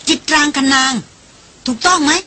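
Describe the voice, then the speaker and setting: A woman reading the part of an excitable, jumpy young man with an eager, breathless delivery. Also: normal speed, lightly acted. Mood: excited.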